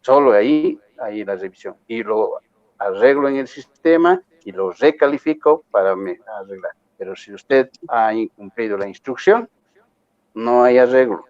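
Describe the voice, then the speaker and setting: Speaking at a moderate pace with medium pitch and a darkish tone, a male university lecturer gives his students firm directions. He keeps repeating points and checking whether they follow, with no echo but a muffled sound.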